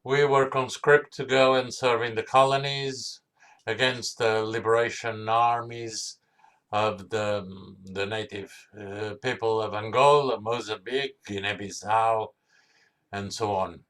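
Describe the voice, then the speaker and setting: A man in his seventies from Portugal with a Portuguese accent touched by Australian English, giving a measured talk full of memories and pauses. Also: lowish voice, steady tone, fairly bright tone. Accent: Portuguese with Australian tones. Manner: slow, measured, with hesitations. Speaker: guest speaker. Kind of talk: storytelling talk.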